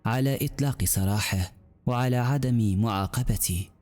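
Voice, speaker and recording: A man voicing a gentle young female healer who talks in a calm, earnest way. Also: mid-range voice, normal speed, soft background music, lightly acted. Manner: calm, earnest, softly reasoning.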